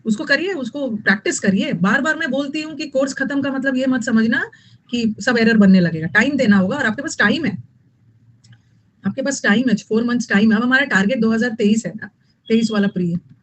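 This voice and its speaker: A woman's voice: a little high, a little fast, rough recording. A woman teaching English vocabulary in an online exam-prep lesson, repeating key words and scolding students.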